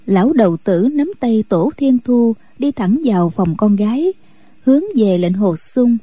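A woman narrating a story for radio in a steady, measured voice. Her tone is very dark and mellow with a husky edge, somewhat higher than most women, and recorded dry and close. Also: no room sound.

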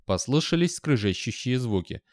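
A man narrating an audiobook in an even, measured storytelling manner. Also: mid-range voice, dry recording, studio quality.

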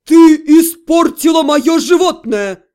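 A woman voicing a furious, capricious male high demon who bellows and shouts at people. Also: normal speed, lightly acted. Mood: roaring.

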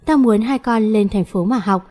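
A woman's voice: medium pitch, moderate pace, warm tone, natural voice. A woman voicing a firm, middle-aged widowed aunt who lays down the rules. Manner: firm, decisive.

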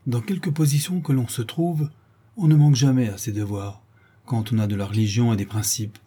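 A man's voice: steady tone, fairly quick, dark tone, slightly rough. A man narrating a short story aloud, giving each character a slightly different voice. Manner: shifts pitch for the characters' lines. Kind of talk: audiobook reading with voiced dialogue.

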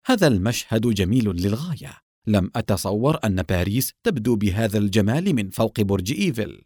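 A man reading an audiobook, voicing a composed young female lieutenant who explains herself in a measured way. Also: medium pitch, big pitch swings, darkish tone, no room sound, studio quality. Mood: admiring.

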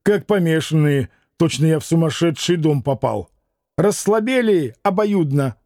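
A man's voice: on the high side, animated, normal speed, dark tone, dry recording, clean studio sound. A man doing a sneering, mocking young man. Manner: teasing, sneering.

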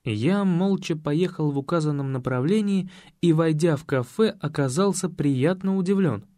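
Мужчина читает детектив, сухой звук. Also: male voice, a little high, moderate pace, warm tone, no echo, clean studio sound. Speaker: audiobook narrator. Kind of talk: scripted first-person narration.

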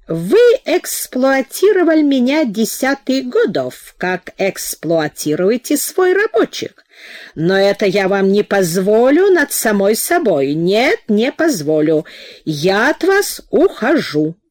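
A woman voicing a drunk, hotheaded foreign male engineer who mangles his grammar and shouts insults. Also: fairly high pitch, big pitch swings, slow, dry recording, studio quality. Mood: indignant.

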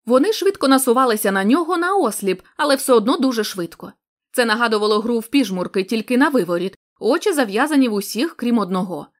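A woman narrating a literary story as an audiobook, measured and expressive. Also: fairly high pitch.

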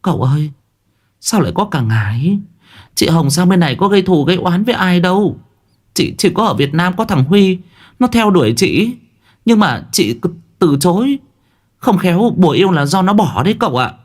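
A man voicing an anxious young woman who talks in a rapid, fretful way. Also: sits high, sing-song, pitched above the performer's own voice. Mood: anxious, eager.

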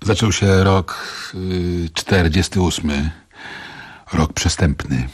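An actor playing a weary, submissive Soviet composer, narrating a radio drama in the first person with a subdued, measured delivery. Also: male voice, deep voice, husky, heavily acted.

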